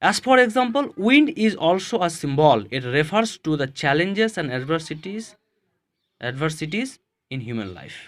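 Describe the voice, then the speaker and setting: A man's voice: fairly high pitch, big pitch swings, extremely slow, fairly bright tone. A male school teacher with an Indian English accent explaining figures of speech in a poem, switching between Hindi and English, spelling words out letter by letter and asking the students if they have understood. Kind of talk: recorded online lesson explaining a poem.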